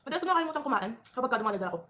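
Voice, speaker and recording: A woman's voice: high voice, lively intonation, very fast, bright, forceful tone. A young woman from the Philippines chatting casually while eating on camera, with teasing asides between bites. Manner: talks between bites, chewing. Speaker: food vlogger. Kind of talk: casual mukbang chat.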